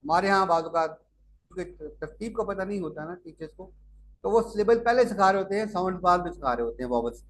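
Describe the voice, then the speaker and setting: High-voiced man lecturing teachers. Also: animated, fast. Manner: explanatory, repeats steps, corrects himself with "sorry". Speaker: teacher trainer.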